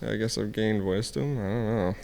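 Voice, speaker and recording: Dude chatting on a podcast, laughs a lot, echoey room. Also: male voice, on the low side, a little fast, vocal fry. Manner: laughs often, relaxed and joking. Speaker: podcast co-host. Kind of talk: casual chat.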